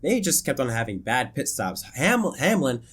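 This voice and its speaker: Brief: male YouTuber, stuffy and worn-out voice, rambling race recap, mid pitch. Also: sing-song, normal speed, a bit bright, slightly rough. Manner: chatty, many fillers and restarts. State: congested, voice worn from illness. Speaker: racing commentary YouTuber. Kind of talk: casual race review.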